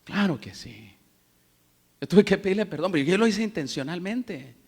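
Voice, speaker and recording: A man, preaching a sermon as pastor, telling stories in a chatty way and building to loud preaching. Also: high-pitched, lively intonation, moderate pace, vocal fry, husky. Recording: long hall reverb.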